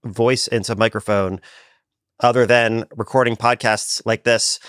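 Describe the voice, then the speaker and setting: A tired man co-hosting a podcast, talking in animated bursts with fillers and restarts. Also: medium pitch, unhurried, clear, resonant tone, dry recording, clean studio sound. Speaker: podcast co-host. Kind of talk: casual chat.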